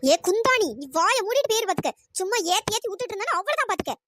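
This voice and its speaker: A performer voicing a domineering older mother-in-law who shouts and berates her daughter-in-law in a cartoon. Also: extremely high pitch, expressive, very fast, slight background noise, full character voice. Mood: angry. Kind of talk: cartoon voice acting.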